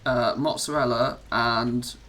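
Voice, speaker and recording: A man's voice: mid-range voice, fairly even intonation, slow pace, fairly bright tone. An English man live streaming from home, chatting casually as he plays, self-mocking and laughing often. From England.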